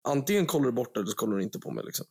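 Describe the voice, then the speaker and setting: A man's voice: medium pitch, creaky, slightly rough. En ung man från Sverige som programledare i en podcast, pratar livligt och skämtsamt med svordomar. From Sweden. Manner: animated, joking, swearing storyteller. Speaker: podcast host. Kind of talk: casual chat.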